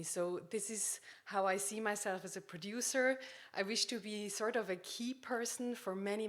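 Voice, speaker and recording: A woman from Switzerland, giving an earnest personal presentation as a film producer and searching for her words now and then. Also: medium pitch.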